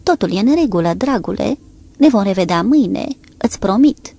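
A woman's voice: mid-range voice, lively intonation, gravelly. Tender young woman, read by a woman narrator. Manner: gentle, soothing. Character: tender young woman comforting her hurt man.

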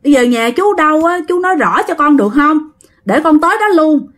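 A woman voicing a patient young man, talking in a gentle, reassuring way. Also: high voice, animated, brisk, pitched above the performer's own voice. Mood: pleading. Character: patient young man soothing his friend.

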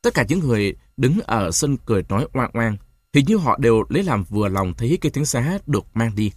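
A male audiobook narrator reads a novel with a lively, rising and falling voice. The sound is dry and close, with no room around it. He tells the story steadily and lightly shades the characters' lines. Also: mid-range voice, brisk, husky, no room sound.

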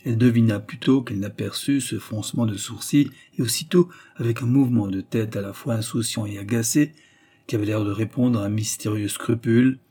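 A man narrating a literary novel as an audiobook in a measured, even storytelling manner. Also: on the low side, husky.

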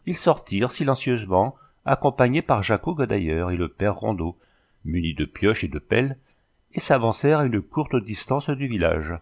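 Man narrating a novel, low voice. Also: sing-song, moderate pace, darkish tone. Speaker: audiobook narrator. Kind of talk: literary audiobook narration.

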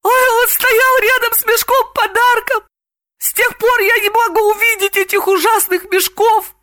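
A shrill, tearful young woman wails in a much higher, louder voice, as a woman narrator puts her on. She sounds frightened and distraught, with a bright, piercing tone. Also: steady tone, unhurried, no room sound, studio quality, exaggerated voice.

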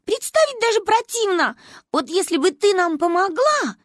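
A woman voicing an excitable, bold little girl who chatters shrilly and insistently. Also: extremely high pitch, normal speed, no echo, studio quality, pitched above the performer's own voice, full character voice. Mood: excited, pleading.

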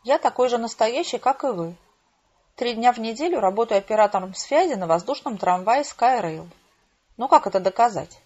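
Woman reading a dry, calm male agent. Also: fairly high pitch, moderate pace. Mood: matter-of-fact. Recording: dull lo-fi home recording.

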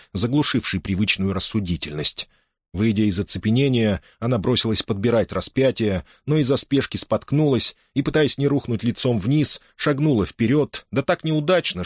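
A man narrating a historical novel in an expressive, dramatic reading style. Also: fairly low pitch, no echo, clean studio sound. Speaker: audiobook narrator. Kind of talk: scripted narration.

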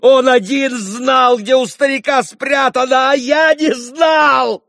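Frantic accused young man, very high shouting, breathless, hot-tempered, audiobook. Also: steady tone, slow, dry recording, studio quality, heavily acted.

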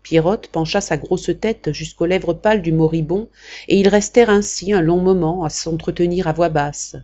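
A woman narrating an audiobook in a measured, expressive reading. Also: fairly low pitch, dull audio. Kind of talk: scripted narration.

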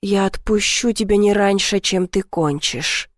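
A woman voicing an intense, possessive young male lover in a dry audiobook reading, speaking low, slow and hushed. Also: no room sound, lightly acted. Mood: hushed, commanding.

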